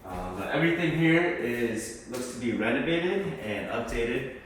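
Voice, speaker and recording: A man giving a casual, low-key walk-through house tour as a real estate agent, tentative and mildly approving. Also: expressive, unhurried. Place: inside a mostly empty house, walking through. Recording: echoey empty rooms, distant mic, background noise.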